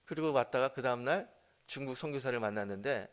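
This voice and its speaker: A man's voice: medium pitch, quick pace, clean tone. A man preaching as a senior pastor at an early morning service. He tells a family story, acts out the dialogue and turns to the congregation with questions. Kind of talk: sermon with storytelling.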